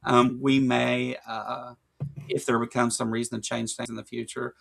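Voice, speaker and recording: A man with a Kentucky accent co-hosts a casual livestream chat as a podcast host, rambling along with plenty of fillers and jokes. His gravelly voice sits in the mid range, delivered flatly at a moderate pace.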